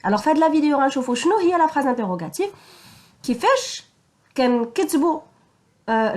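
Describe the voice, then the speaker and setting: A woman with a Moroccan accent teaching French grammar, switching between French and Darija and slowing down for the example sentences. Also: high-pitched, darkish tone. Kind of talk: bilingual grammar lesson.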